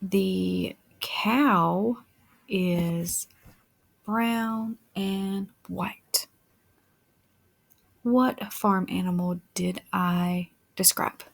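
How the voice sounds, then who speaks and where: A woman's voice: mid-range voice, drawn-out words, gravelly, pauses often. A woman teacher giving a phonics lesson to young children as if reading to a toddler, with simple patient questions, repeated words, sounded-out letters and encouragement. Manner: encouraging praise. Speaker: early-years teacher.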